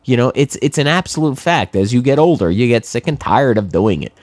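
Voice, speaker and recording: A man's voice: mid-range voice, expressive, a little fast, a little mellow, slightly rough, no room sound. A middle-aged man from New England with a cold, talking casually and wryly sarcastic in a rambling monologue with many fillers. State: has a cold, congested.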